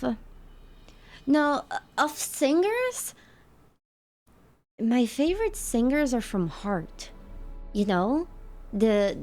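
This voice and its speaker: This woman's voice sits on the high side and sounds a little mellow. She's a livestreamer gaming and chatting casually with her audience, thanking them and answering their questions.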